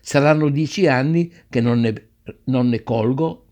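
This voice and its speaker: A man's voice: mid-range voice, measured pace, darkish tone, natural voice. A man reading a story aloud and voicing a cheerful, carefree woman office clerk who talks in a giddy, lilting way. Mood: delighted.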